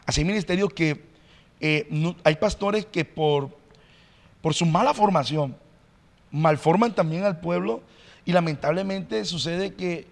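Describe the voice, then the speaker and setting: A male pastor explaining in an earnest, teacherly way as a podcast guest, often pausing on "eh". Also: fairly high pitch, gravelly, big-room sound. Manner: earnest, teacherly, frequent "eh" fillers. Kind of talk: podcast interview, preaching-like explanation.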